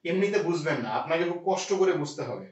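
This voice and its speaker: Speaking fast in a slightly high, sing-song voice, a man walks his students through an English grammar lesson one step at a time. Rhetorical questions come up often, all captured in a lo-fi, echoey room that sounds far away.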